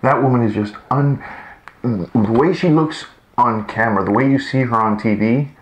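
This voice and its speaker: A man's voice: mid-range voice, moderate pace, echoey room, lo-fi sound, slight background noise. A man co-hosting a casual chat, effusive and exclamatory. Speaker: co-host.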